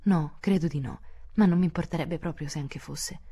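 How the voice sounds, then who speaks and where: A headstrong, tomboyish teenage girl talks briskly and emphatically, quick to burst out, as a woman reads her in an audiobook. The voice stays mellow and close to the reader's own. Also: on the low side, breathy edge. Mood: earnest. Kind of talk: audiobook character voice.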